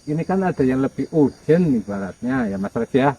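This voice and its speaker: A man acting as a spirit medium, hesitantly relaying messages in a low murmur. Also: big pitch swings, a little fast, creaky, warm tone, slightly rough, rough recording. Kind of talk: casual on-camera chat.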